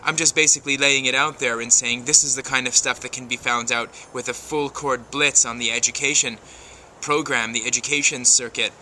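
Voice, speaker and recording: A man's voice: medium pitch, steady tone, fairly quick, pushed and bright, slight background noise. A man hosting his video blog outdoors in his backyard, musing aloud in a chatty, self-promoting way. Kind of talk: casual vlog monologue.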